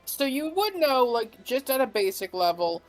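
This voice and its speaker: A woman's voice: fairly high pitch, sing-song, moderate pace, faint music behind, rough recording. A woman running a tabletop role-playing game, thinking aloud and rephrasing as she describes things. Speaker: game master.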